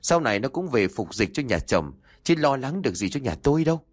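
A cruel old mother-in-law with a harsh, scolding tongue, as a male storyteller puts her on. Her pitch swings widely as she berates, and the voice sounds close and dry, with no room around it. She comes from a spoken audio story. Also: very animated, fairly quick, no room sound. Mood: cold, harsh.

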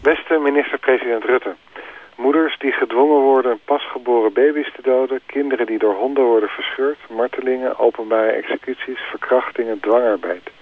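A man, a professor, leaving an earnest, persuasive voicemail message with a touch of dry irony. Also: mid-range voice. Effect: voicemail over a phone line. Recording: tinny narrow phone line.

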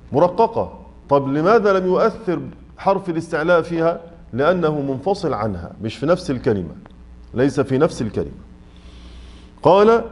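A man's voice: a little high, a little mellow. Egyptian man teaching Quran recitation rules. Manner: mixes classical and colloquial Arabic, asks the class check questions; slowly spells out example words. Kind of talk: tajweed lesson explaining a poem. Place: mosque study circle.

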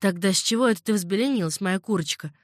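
A woman's voice: medium pitch, fast talker, no echo, clean studio sound, lightly acted. Unruffled old woman servant, read by a woman. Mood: calm. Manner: unruffled, coaxing and patient.

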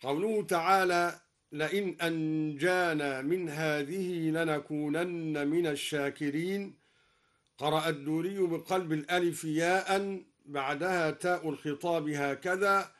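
Higher-pitched man explaining and chanting recitation. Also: fairly even intonation, fairly bright tone. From Egypt. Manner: alternates plain explanation with slow melodic recitation. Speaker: Quran recitation teacher. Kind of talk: explaining Quran reading variants with slow chanted recitation. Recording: broadcast radio recording.

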